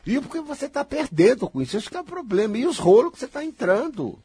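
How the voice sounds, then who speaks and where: A man with a Brazilian Portuguese accent giving an animated spoken monologue, emphatic and teasing as he scolds and coaxes his listener directly. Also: very high voice, fast, slightly rough, no echo.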